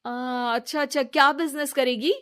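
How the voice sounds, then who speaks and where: A woman voicing a scheming, sweet-talking young woman friend in an animated storybook, with coaxing, persuasive chatter. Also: high-pitched, normal speed, pitched above the performer's own voice.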